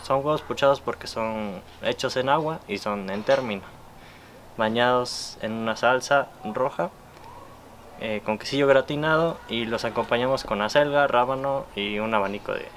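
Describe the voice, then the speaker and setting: A man's voice: mid-range voice, normal speed, a bit bright, slight background noise. A young man with a Oaxacan Mexican Spanish accent, a chef describing dishes carefully outdoors. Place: outdoor garden.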